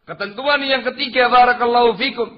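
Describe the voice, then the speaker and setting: A man preaching an Islamic sermon, emphatic and given to rhetorical questions, reciting Arabic phrases and swinging between loud and soft delivery. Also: very high voice, muffled recording. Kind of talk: sermon lecture.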